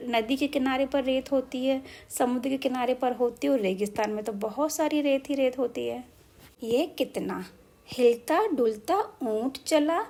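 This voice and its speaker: A woman teacher going through a children's textbook, explaining slowly, reciting verse lines and asking the pupils questions. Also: high-pitched, darkish tone, slight background noise.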